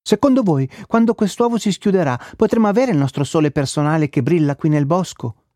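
A man voicing an eager, excitable little female elf in a storybook reading. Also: on the high side, brisk, no room sound, clean studio sound, voice pushed up, natural voice.

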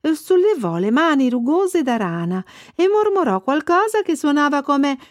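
A woman narrating a children's storybook in an expressive, lively way. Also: high-pitched, normal speed, no room sound, clean studio sound. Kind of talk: storybook reading.

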